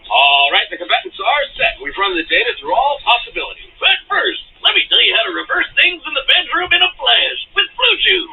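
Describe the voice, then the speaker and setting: A man narrating a scripted show, with a dramatic, punchy delivery and sudden shouted emphasis. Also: extremely high pitch, very animated, brisk, few pauses. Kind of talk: scripted narration and sponsor read. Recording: tinny phone-like sound from a distance, music behind.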